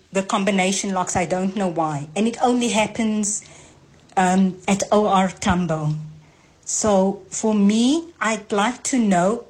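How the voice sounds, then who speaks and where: A woman's voice: mid-range voice, rough recording. Woman's played-back voice message. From South Africa. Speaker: listener sending a voice note. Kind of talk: recorded listener message.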